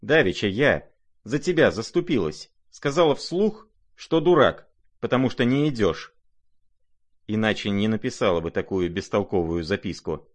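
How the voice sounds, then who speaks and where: A man voicing an irate, imperious older noblewoman who scolds in shrill, impatient outbursts. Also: lively intonation, moderate pace. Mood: scolding.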